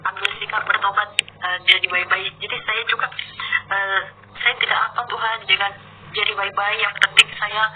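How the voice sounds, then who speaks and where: A caller gives a religious testimony on a live stream, hesitant and full of pauses and restarts. The pitch barely moves. The voice arrives through a tinny phone line with faint background noise. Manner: hesitant, many fillers and restarts.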